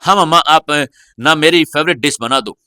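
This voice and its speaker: A man voicing a proud little boy in an audio story, boastful and quick to whine. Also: on the high side, sharp tone, clear, resonant tone, dry recording, studio quality. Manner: boastful, whiny pleading. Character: small boy, proud and easily hurt.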